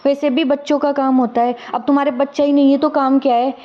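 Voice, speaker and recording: A woman's voice: high voice, flat delivery, quick pace, natural voice. A woman playing a domineering mother-in-law who scolds and taunts her daughter-in-law, in an echoey room with slightly dull sound. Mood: scornful.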